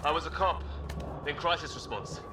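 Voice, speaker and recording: A man plays a loyal soldier and former cop in a sci-fi game. He talks in a wry, informal way, in a fairly high male voice over loud ambience. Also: moderate pace, background noise, close to an everyday voice. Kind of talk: video game voice acting.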